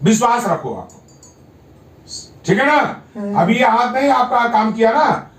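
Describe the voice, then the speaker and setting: A man's voice: very high-pitched, very animated, unhurried, a bit bright. A man working as a yoga therapist, firmly coaxing a patient at home and repeating his encouragement. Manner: firm, coaxing, repeats himself. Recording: echoey room, mic at a distance.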